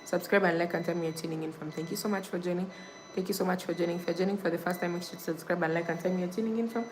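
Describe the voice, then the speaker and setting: There's background noise as this young Kenyan livestream host races through viewer comments in a lowish, fairly even voice. She chats casually and repeats her thanks and pleas to subscribe.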